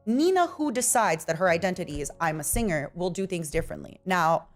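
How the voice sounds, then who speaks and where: A woman's voice: on the low side, animated, a little fast. A young woman streamer giving frank, abrasive advice in a casual, direct way. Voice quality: abrasive, blunt, plain-spoken. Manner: direct, calls listeners "baby". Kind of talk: casual advice talk on a livestream. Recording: faint music behind.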